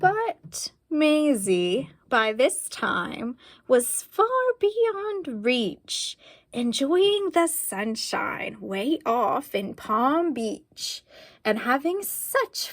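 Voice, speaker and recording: A woman reading a picture book aloud, slow and expressive, pausing to ask her listeners questions. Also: a little high, no room sound. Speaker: storyteller.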